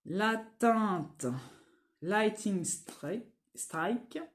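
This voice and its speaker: A woman's voice: mid-range voice, drawn-out words. A woman vlogging at home, casually showing and swatching makeup, hesitant with many fillers and restarts. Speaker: beauty vlogger. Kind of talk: casual makeup product show-and-tell.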